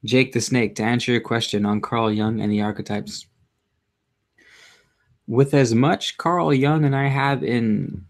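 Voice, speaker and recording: A man hosting a casual livestream, chatting to viewers in a subdued, low-energy, rambling way with halting self-interruptions. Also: vocal fry. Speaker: livestream host. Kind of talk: casual live chat to viewers.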